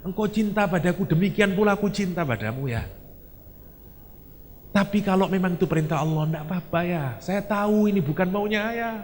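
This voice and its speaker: A man acting out a patient young son who gently reassures his father. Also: sits high, a little fast, big-room sound, a little hiss or hum, pitched above the performer's own voice, natural voice. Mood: gentle.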